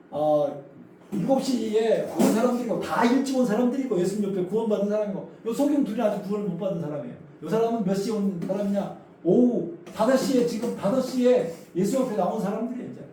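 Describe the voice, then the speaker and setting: A male pastor preaching a sermon, telling the story vividly, acting out voices and asking the congregation questions. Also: high-pitched. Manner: animated storytelling, acts out voices. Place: church sanctuary. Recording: echoey church hall from far off, faint noise.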